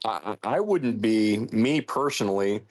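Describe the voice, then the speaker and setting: A middle-aged man from the United States co-hosting a casual podcast, speaking earnestly and measured, often restarting his sentences. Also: fairly low pitch, lively intonation. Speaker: podcast co-host.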